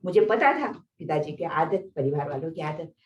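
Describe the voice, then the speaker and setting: An older woman from Nepal tells her own story to a gathering, her voice low and settled as she acts out the people in it and keeps checking in with her listeners. She sounds some way off from the mic. The sound rings around a roomy indoor hall. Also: normal speed, dull audio. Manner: lively storytelling, acts out quoted family members, frequent tag questions. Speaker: senior spiritual teacher. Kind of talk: personal life story told to a gathering. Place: indoor meditation centre hall. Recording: roomy hall, voice picked up from a distance.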